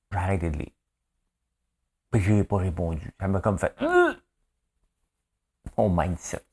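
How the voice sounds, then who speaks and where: A man's voice: low voice, vocal fry, a little mellow, husky. A man with a Québécois accent hosting a daily news show, chatting casually in a joking, rambling way with lots of asides. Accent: Québécois French. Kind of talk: casual solo news commentary.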